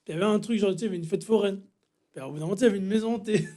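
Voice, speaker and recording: A man's voice: high-pitched, rapid-fire. A young man with a Swiss French accent, co-hosting a podcast and telling a funny story in casual chat, laughing as he goes. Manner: animated storytelling, laughing through it. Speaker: podcast co-host.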